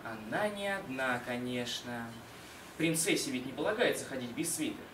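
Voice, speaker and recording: A man's voice: medium pitch, natural voice. Young man declaiming as a dreamy scholar, distant and echoey. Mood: dreamy, musing. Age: young adult. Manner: expressive, deliberate, with dramatic pauses. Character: dreamy, lovelorn, modest young male scholar in a stage play. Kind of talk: dramatic declamation, theatrical literary monologue recitation. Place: small indoor concert hall stage. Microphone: far camera. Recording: roomy, distant mic, noisy hall.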